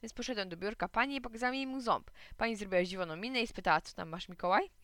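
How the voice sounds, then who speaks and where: A woman reads a children's story aloud, telling it in first person as a little boy. Her voice is bright and crisp, with lively storybook expression. The sound is dry and close. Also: on the high side, rapid-fire, no echo.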